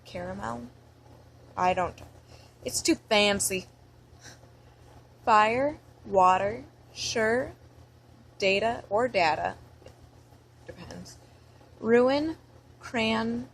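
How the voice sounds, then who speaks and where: Slow, rambling young American woman. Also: medium pitch, a little hiss or hum, low-quality recording. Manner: rambling and chatty, with many fillers. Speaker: vlogger. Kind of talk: casual accent-tag vlog, reading a word list.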